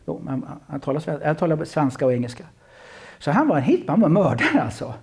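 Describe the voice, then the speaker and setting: A man preaches with a lively, swooping delivery and a fairly high voice. He tells stories in bursts, restarting and repeating words as he goes. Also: gravelly. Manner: animated storytelling with many restarts. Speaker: pastor. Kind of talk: sermon.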